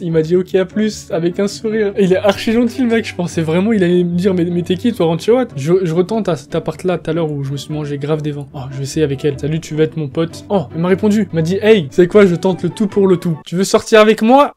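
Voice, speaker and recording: A man in his twenties giving casual gaming commentary, excitable and slangy, laughing often and bursting into shouts. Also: sits high. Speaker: gaming YouTuber.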